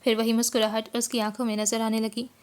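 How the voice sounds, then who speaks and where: A woman narrating a romance novel as an audiobook in a measured, expressive storytelling manner. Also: a little high.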